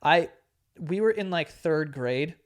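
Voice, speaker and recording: Speaking slowly in a fairly high, expressive voice, a podcast host in his late twenties relaxes into a story. He swears a lot, laughs often, and voices other people's lines as he goes.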